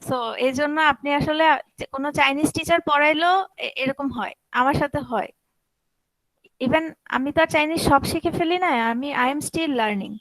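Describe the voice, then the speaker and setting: Young Bangladeshi woman teacher, high voice, drills vowels patiently, dry sound. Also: normal speed, a bit bright, no room sound, low-quality recording. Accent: Bangladeshi Bengali. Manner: explains pronunciation patiently, repeating vowel sounds. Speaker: language teacher. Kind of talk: online class lesson.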